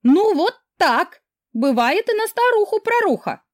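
A woman's voice: very high-pitched, very animated, unhurried, no room sound, clean studio sound, pitched above the performer's own voice, heavily acted. A woman reading an audiobook voices a drunk, tearful young woman who talks in a flippant, dismissive way with a slur and a giggle. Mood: careless.

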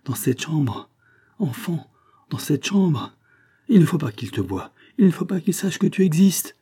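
A man's voice: on the low side, sing-song, normal speed, dark tone, husky, exaggerated voice. A man reading aloud and voicing an anguished noblewoman and mother, speaking in a raised, intense, pleading way. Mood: urgent.

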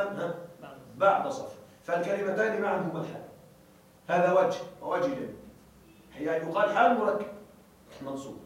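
High-voiced man teaching in an echoey hall. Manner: checks on students with repeated questions, stresses example words; slows down to spell out examples. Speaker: grammar teacher. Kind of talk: classroom lesson. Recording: very echoey room, far from mic.

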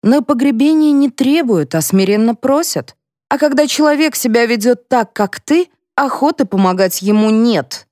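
A woman reading a composed elderly lady who speaks in a measured, reproachful way, in an audiobook. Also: on the high side, lively intonation, a little mellow, no echo, studio quality, pitched above the performer's own voice, close to an everyday voice. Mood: cool. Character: composed elderly lady, dignified, cool-headed.

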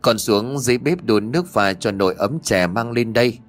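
A man's voice: mid-range voice, animated, moderate pace, faint music behind, lightly acted. A man voicing a shaken old grandmother. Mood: tender. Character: frightened elderly grandmother.

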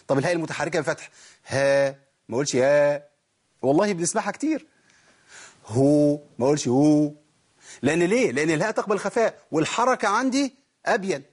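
A man's voice: fairly high pitch, slightly rough. A man with an Egyptian Arabic accent teaching a tajweed lesson, asking and answering his own questions and demonstrating letter sounds. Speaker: Quran recitation teacher.

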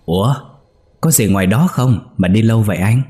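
A man's voice: on the low side, normal speed, a little mellow, close to an everyday voice. A man voicing a frightened young village wife who talks in anxious, pleading bursts. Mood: worried.

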